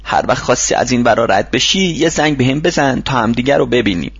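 A man's voice: mid-range voice, lively intonation, creaky, a bit bright, husky, no room sound, highs cut off, exaggerated voice. A man reading a storybook, voicing a kindly older mentor who runs a workshop and gives patient advice. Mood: advising. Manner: patient, advising tone.

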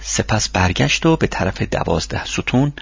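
A man's voice: lowish voice, animated, gravelly, husky, no room sound, lo-fi sound. A man narrating a storybook in a scripted reading and voicing its characters. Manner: reads with character voices. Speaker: audiobook narrator.

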